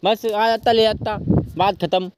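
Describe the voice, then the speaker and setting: A man's voice: high voice, steady tone, unhurried, noisy background. A man in a casual argument with his girlfriend, coaxing and pleading over and over, yet stubborn. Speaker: boyfriend pulling a prank.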